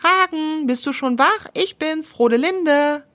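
A woman's voice: high-pitched, normal speed, voice pushed up. A woman voicing a female wild boar who calls out eagerly to her friend in a storybook tale. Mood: calling. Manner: excited, calling out.

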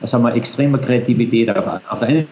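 A man's voice: mid-range voice, fast, mellow. A man with an Austrian accent answering interview questions over a video call, hesitant with many fillers. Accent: Austrian German. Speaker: interview guest, space agency official. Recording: roomy, dull video call audio with faint noise.

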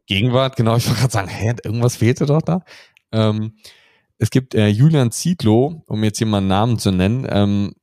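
A man co-hosting a podcast, talking in a relaxed, reflective way with frequent hesitations. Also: on the low side, brisk, no room sound, studio quality. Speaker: podcast co-host. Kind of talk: casual podcast conversation.

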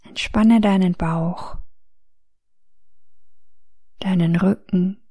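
A woman narrating a guided meditation in a soft, soothing, gentle voice with long pauses. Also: lowish voice, steady tone, husky, no room sound, clean studio sound.

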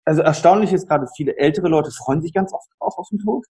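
A man who runs a care service, talking about end-of-life care in an animated conversation. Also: a little high, fast talker, breathy edge. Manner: animated storytelling, acts out quoted people. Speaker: palliative care service provider. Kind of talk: conversational interview.

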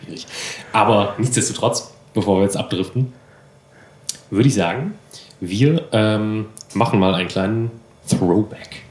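A man co-hosting a relaxed podcast from an apartment, talking in a rambling, self-deprecating way with plenty of fillers. His voice sits a little low. The room around him sounds echoey. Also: measured pace. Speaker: podcast co-host. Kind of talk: casual chat.

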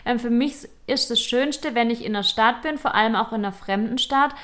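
A woman with a slightly high, somewhat bright voice speaks briskly as a fashion podcast co-host. In casual chat she tells shopping stories, chatty and self-deprecating.

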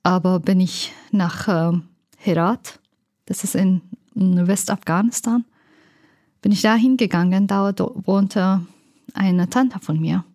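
Slow, soft-spoken woman. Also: medium pitch, no room sound, studio quality. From Afghanistan. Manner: halting, searching for words, many fillers. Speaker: interviewee. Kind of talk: personal life story interview.

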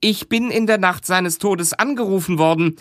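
A man's voice: high voice, normal speed, fairly bright tone, no echo, clean studio sound, pitched above the performer's own voice. Man voicing a frightened female witness. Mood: anxious. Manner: anxious, pleading. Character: distressed woman witness fearing guilt.

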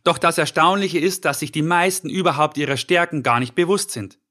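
A middle-aged man with a fairly high voice delivers a scripted motivational podcast talk as a life coach. He speaks directly to the listener, earnest and encouraging. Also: brisk, bright, forceful tone.

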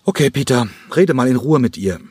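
A man's voice: medium pitch, lively intonation, a little fast, a little mellow, breathy edge, no room sound, pitched above the performer's own voice. A man reading an audiobook, voicing a driven male ballet director who talks in a pressing, emphatic, impatient way. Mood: urgent, pleading.

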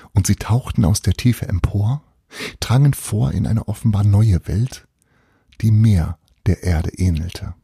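A man narrating a novel as an audiobook in a measured, expressive storytelling manner. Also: sits low, creaky, slightly rough, no echo, clean studio sound.

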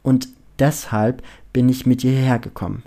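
A man reading a story and voicing a loud, tipsy, clingy rich young woman with a shrill, overexcited manner. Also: steady tone, moderate pace, close to an everyday voice. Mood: chatty.

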